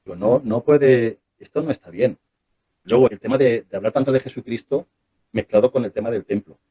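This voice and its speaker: A man talking as an interview guest in a casual conversation, fast and animated, full of restarts and rhetorical questions. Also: mid-range voice, dull audio. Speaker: interview guest, former church member.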